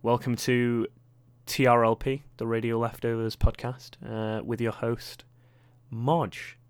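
A man's voice: mid-range voice, flat delivery, slow pace, clear, resonant tone, no echo. A young British man with a posh accent, hosting a casual solo podcast in a rambling, self-deprecating way with lots of fillers. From Britain. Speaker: podcast host.

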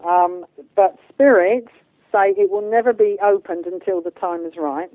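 Over a narrow line that sounds like a phone, a guest medium and channeller explains her spiritual beliefs in a loose, rambling way and keeps asking if listeners are following. Her mid-range voice is unhurried, and the recording is dry.

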